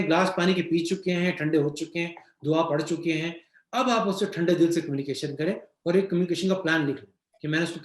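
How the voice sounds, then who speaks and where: A man with a Pakistani accent speaking in a webinar, answering questions on leadership in a conversational way with everyday examples and English phrases mixed in. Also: high-pitched. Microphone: video call. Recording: echoey room sound.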